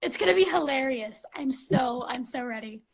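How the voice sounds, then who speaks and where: A woman's voice: high-pitched, expressive, normal speed, rough recording. A woman in her twenties chatting casually on a live stream, gushing and bubbly, full of fillers like "like" and "um", on a phone mic. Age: 20s.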